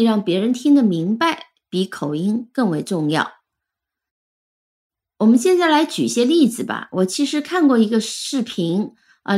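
A woman with a fairly high voice leads a relaxed weekly chat about English usage. She explains with patience and spells words out slowly, letter by letter. She is a native Chinese speaker. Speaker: English teacher. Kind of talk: casual Friday chat lesson.

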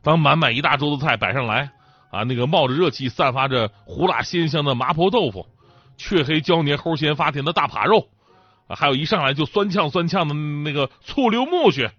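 Animated, thick-tongued male comedian, bright voice. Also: fairly high pitch, brisk, dry recording. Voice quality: thick, swollen-tongued speech from a mouth ulcer. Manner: chatty, joking, laughs as they talk. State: mouth ulcer. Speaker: stand-up talk show host. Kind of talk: comic monologue. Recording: dull lo-fi sound, faint music behind.

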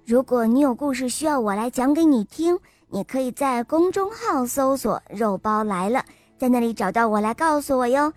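A woman telling a bedtime story to children in a warm, sing-song way. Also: high-pitched, lively intonation, normal speed, few pauses, dry recording. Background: faint music.

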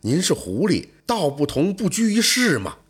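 Upright young scholar, stiff and principled; a man voices him, husky voice, earnest and firm delivery. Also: on the high side, huge pitch swings, moderate pace, pitched above the performer's own voice, exaggerated voice. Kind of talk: storytelling role voice.

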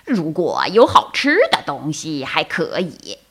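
Woman voicing a gossipy storybook crow; loud, nagging, slightly raised pitch. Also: huge pitch swings, unhurried, slightly rough, exaggerated voice. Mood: grumbling. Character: chattering gossipy female crow.

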